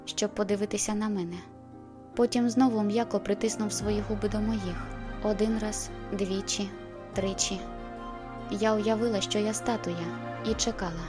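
Woman narrating an audiobook. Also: medium pitch. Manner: expressive reading, voices the heroine's outbursts. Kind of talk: scripted first-person narration.

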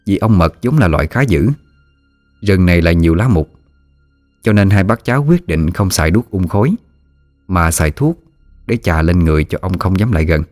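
A man narrating a ghost story in a steady storytelling manner. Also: low-pitched, normal speed, pauses often, dry recording, clean studio sound. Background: soft music.

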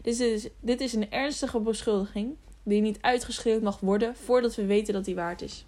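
A woman reading the part of a careful grown male innkeeper in an audiobook, speaking in a hushed, measured way. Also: on the high side, steady tone, natural voice.

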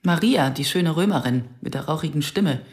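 In a radio drama, an actress plays a wry, self-questioning Israeli woman writer who narrates in the first person, dry, reflective and intimate. Her voice is deep and a little mellow, animated, at a normal speed. There's slight background noise.

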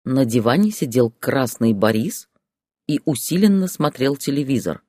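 A man narrating an audiobook story in a steady, expressive reading. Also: mid-range voice, moderate pace, no room sound, studio quality.

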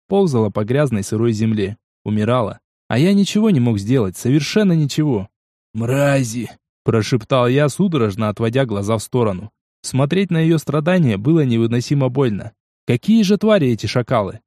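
A man reading a dark first-person story aloud in an intense, dramatic manner. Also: mid-range voice, no room sound, clean studio sound. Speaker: audiobook narrator. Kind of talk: first-person audiobook narration.

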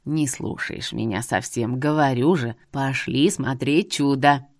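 A woman voicing a sly, teasing old male seer with a long beard who drawls slowly. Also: a bass voice, dry recording, clean studio sound, pitched below the performer's own voice.

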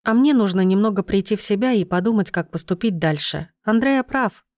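A woman's voice: mid-range voice, a little fast, a little mellow, no echo, clean studio sound, lightly acted. A woman reading the lines of an earnest, pregnant young woman in an audiobook. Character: pregnant young woman, worried but resolute.

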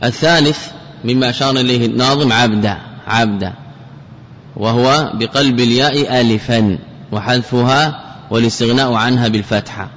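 A male sheikh gives a traditional lecture and keeps going back over examples word by word. His voice sits at an ordinary pitch. The recording is muffled and carries a long, hall-like reverb with faint hiss underneath. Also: fairly bright tone. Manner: repeats key words and examples slowly, chants quoted verses. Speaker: sheikh teaching grammar. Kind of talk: traditional lecture explaining a grammar text.

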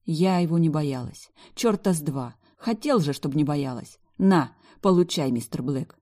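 A woman's voice: low-pitched, lively intonation, measured pace, mellow. A woman reading a first-person novel aloud with wry, emotional storytelling. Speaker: audiobook narrator.

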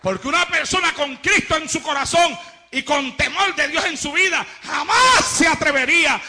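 Fiery shouting preacher man, high and bright. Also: normal speed. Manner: fiery shouting preacher who drops to low, quiet asides. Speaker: pastor. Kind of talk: impassioned sermon.

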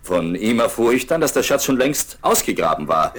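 A husky-voiced gentleman doctor in a 1970s adventure radio play. His delivery is formal and very lively in pitch, thoughtful and expressive. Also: moderate pace. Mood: explaining.

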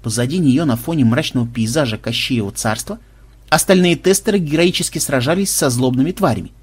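A man narrating an audiobook in a lively, expressive reading. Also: mid-range voice, brisk, breathy edge. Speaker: audiobook reader.

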